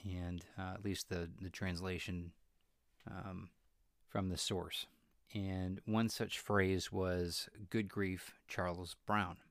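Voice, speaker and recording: Deep, flat-voiced male podcast host. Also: dry recording, clean studio sound. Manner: halting, with many fillers and restarts. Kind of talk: reflective solo podcast talk.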